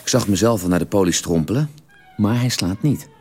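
A man in a radio drama telling a long, detailed story at the dinner table in a measured, drily precise way. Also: on the low side, animated, darkish tone, husky, soft background music. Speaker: character telling an anecdote at a family dinner.

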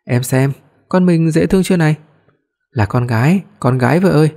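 Một người đàn ông đọc lời của một người chồng trẻ chiều vợ, hay chiếm hữu, nói dứt khoát. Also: male voice, on the high side, fairly quick, vocal fry, warm tone. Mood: tender. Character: young husband, possessive and doting.

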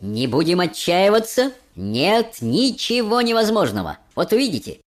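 A man voicing a brisk, cheerful, eccentric chocolate factory owner in an audiobook. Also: high-pitched, wildly swooping pitch, voice pushed up. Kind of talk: audiobook character voice.

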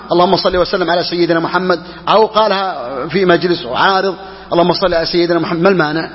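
A man teaching religious law as a sheikh, who talks quickly and repeats key phrases for emphasis. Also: high voice, big-room sound, lo-fi sound. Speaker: sheikh teaching Hanbali jurisprudence. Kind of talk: religious lesson explaining a text.

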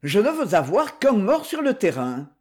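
A reader voicing a brisk, commanding middle-aged woman police commander who jokes easily. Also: medium pitch, sing-song, mellow, natural voice. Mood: urgent.

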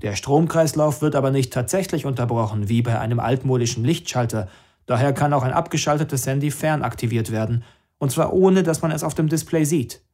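A man's voice: medium pitch, a little fast, darkish tone, lightly acted. A man voicing a young man who lectures earnestly and emphatically. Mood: lecturing.

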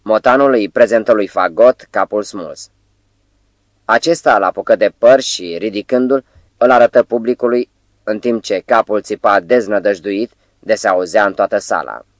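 A man narrating an audiobook in a measured, dramatic storytelling manner. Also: fairly low pitch, dry recording.

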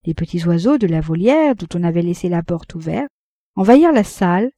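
A woman reading a classic novel aloud as an audiobook narrator, measured and even. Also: on the low side, dry recording, studio quality. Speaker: audiobook reader.

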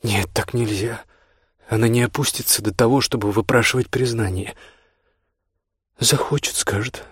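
Soft-spoken man reading an audiobook. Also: mid-range voice, steady tone, slightly rough, dry recording, studio quality. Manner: slow, soft, intimate. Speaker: audiobook narrator. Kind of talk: scripted narration.

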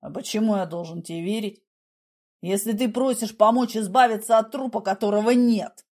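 A woman voicing a calm, mocking man. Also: medium pitch, pitched below the performer's own voice, lightly acted. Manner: dry, mocking, unhurried.

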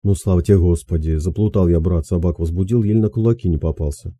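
A man's voice: low-pitched, quick pace, dark tone, dry recording. A man voicing a boastful, crude young peasant vagrant who talks slyly and coarsely in an audiobook. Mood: boasting. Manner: swaggering, sly, coarse banter. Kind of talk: audiobook character voice.

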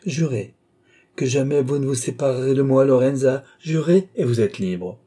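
A man voicing a mysterious male captor who speaks calmly, sadly and persuasively. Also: mid-range voice, moderate pace, close to an everyday voice. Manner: calm, sorrowful, persuasive.

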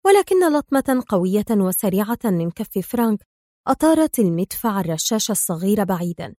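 Expressive woman storyteller, dry sound. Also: medium pitch, no echo. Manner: expressive reading. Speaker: narrator. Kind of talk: dramatic storytelling of a spy novel.

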